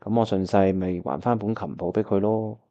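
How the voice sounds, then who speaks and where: With a Hong Kong Cantonese accent, a man plays a disheartened, wistful time traveller, delivering both first-person narration and dialogue in his own radio drama; the mood is resigned and grumbling. His voice is on the low side and close to an everyday voice, steady in tone at normal speed, while the audio is dull and music plays behind him.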